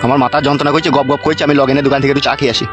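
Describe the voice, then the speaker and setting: A man's voice: mid-range voice, steady tone, racing, pitched below the performer's own voice, close to an everyday voice. A performer voicing a stern old father-in-law who lectures his family in a patronizing way. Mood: weary. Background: music.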